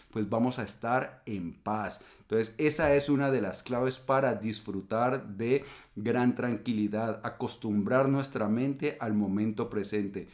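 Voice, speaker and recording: Calm man explaining philosophy. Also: medium pitch. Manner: calm explanatory, acts out quoted insults. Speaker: channel host. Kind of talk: reflective philosophy talk.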